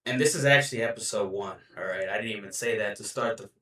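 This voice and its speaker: A man's voice: fairly low pitch, quick pace, bright, forceful tone, distant mic, slight background noise. Laid-back man podcasting in a roomy space. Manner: laid-back, rambling, lots of "you know". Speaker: podcast co-host. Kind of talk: casual chat. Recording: roomy, a bit off-mic.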